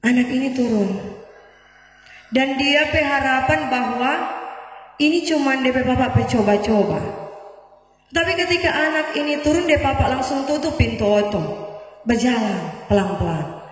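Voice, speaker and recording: A woman's voice: high-pitched, expressive, normal speed, pauses often, slight background noise. A woman pastor, telling an earnest story in her sermon in a large church. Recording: echoey church hall from far off, faint music.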